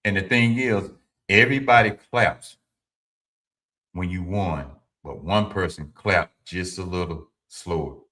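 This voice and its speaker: Low-voiced 50s guy, bright punchy tone, preaching life advice on his stream, says stuff twice. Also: measured pace. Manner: informal and preachy, repeats his points; speaks to viewers directly, answers chat. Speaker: livestream host. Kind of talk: motivational talk to a live audience.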